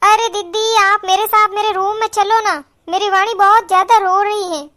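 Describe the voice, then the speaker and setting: A woman's voice: extremely high pitch, fairly even intonation, normal speed, sharp tone, no room sound, clean studio sound. A woman voicing an anxious young new mother who pleads for help in a family cartoon. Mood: pleading. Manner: pleading, soothing. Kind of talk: cartoon voice acting.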